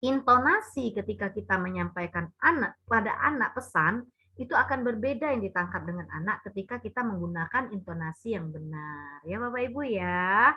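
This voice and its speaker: A woman's voice: medium pitch, animated, moderate pace, slightly rough. A woman giving a parenting talk, speaking to the parents as Bapak Ibu and acting out what mothers and children say. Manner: addresses listeners as Bapak Ibu, acts out mother and child lines. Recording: dull lo-fi recording.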